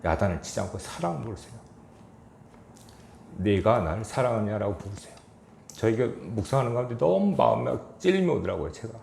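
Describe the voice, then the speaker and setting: A male pastor preaching a sermon, telling the story with animated storytelling, acting out the voices and chuckling as he goes. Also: fairly low pitch, fairly quick, vocal fry, slight background noise. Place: church sanctuary. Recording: echoey church hall.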